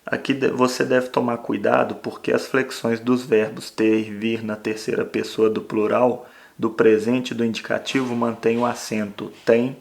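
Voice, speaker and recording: Male teacher giving a spelling lesson: flat, gravelly delivery, checks in often. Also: mid-range voice. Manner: explains slowly with frequent "né?". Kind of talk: grammar lesson.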